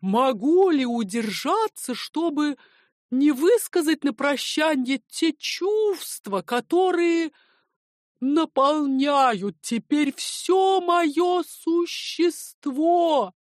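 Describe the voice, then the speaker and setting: Woman reading a sentimental aging nobleman, declaiming, higher than her usual voice, slow and drawn out. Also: expressive, no room sound, clean studio sound, heavily acted. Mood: emotional. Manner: declaiming, rising to a shout.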